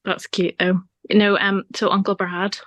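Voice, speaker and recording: A woman's voice: medium pitch, little pitch movement, moderate pace, fairly bright tone, no echo. A woman from Ireland, a podcast guest talking openly in a casual chat and laughing often. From Northern Ireland. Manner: chatty and open, laughs often.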